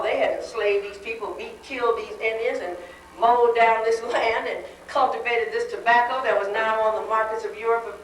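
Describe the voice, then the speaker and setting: A woman's voice: a little high, fairly bright tone. A woman giving a wry, conversational dinner speech, heard on a worn VHS tape copy. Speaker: dinner speaker. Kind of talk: public speech. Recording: hissy worn tape, echoey hall from far off.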